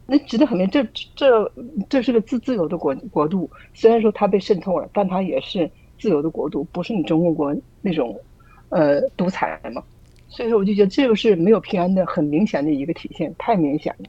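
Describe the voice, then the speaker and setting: A woman's voice: on the low side, expressive, brisk, warm tone, breathy edge, muffled recording. A woman sharing her views in a casual group call, earnest and full of rhetorical questions, often restarting her sentences. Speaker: church group member sharing.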